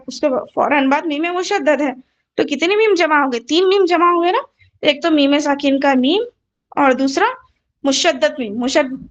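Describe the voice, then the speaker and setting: A woman tajweed teacher leads an online Quran recitation class, patiently going over each rule more than once and asking her students questions. Her voice sits high, and the sound is lo-fi.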